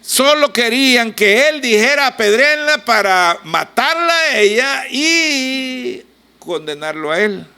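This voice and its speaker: A man with a Salvadoran accent preaches a sermon in a high, gravelly voice. He takes his time, lingering on words, and swings from quiet, intimate asides to loud, emphatic lines as he acts out the voices of biblical figures. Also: very animated, slow. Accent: Salvadoran Spanish. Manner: preaching with wide swings in loudness and pitch, acting out biblical voices. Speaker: pastor.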